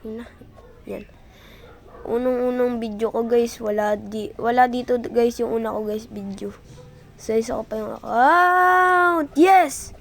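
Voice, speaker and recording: Excitable gravelly woman gaming. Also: on the high side, a little slow. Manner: excitable, yelps and self-praise. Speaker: gameplay streamer. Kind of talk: casual gameplay commentary.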